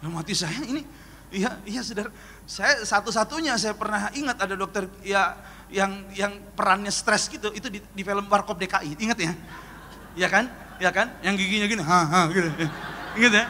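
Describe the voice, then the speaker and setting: A man, a pastor, preaching an animated sermon and telling joking stories full of acted-out dialogue. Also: sits high, brisk. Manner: animated, joking, acts out dialogue in his story. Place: church hall. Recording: long hall reverb, faint noise.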